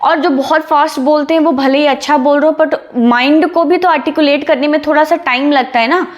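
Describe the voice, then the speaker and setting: A young woman teaching public speaking to camera in a casual, energetic way, checking in with her listeners after almost every point. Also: sits high, fairly quick, lo-fi sound. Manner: energetic, chatty, asks "ठीक है?" after each point.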